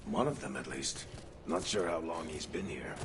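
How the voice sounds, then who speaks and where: An actor playing a wry, world-weary middle-aged adventurer in a video game, dry and sardonic. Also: male voice, low-pitched, moderate pace, creaky. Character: wry, world-weary male adventurer past his prime. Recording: music behind the voice.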